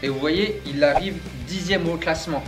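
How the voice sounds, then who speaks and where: A man's voice: fairly high pitch, moderate pace. Playful young man presenting in a roomy gym. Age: young adult. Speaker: co-host of a fitness challenge ranking. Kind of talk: casual joking presentation to camera. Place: indoor gym, camera a few metres away. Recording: roomy echo, music behind.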